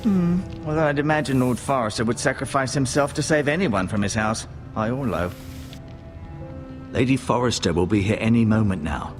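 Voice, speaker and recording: An actor playing a solemn older male maester and healer in a video game, speaking in a measured, advising way. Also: mid-range voice, close to an everyday voice. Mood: probing. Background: game music.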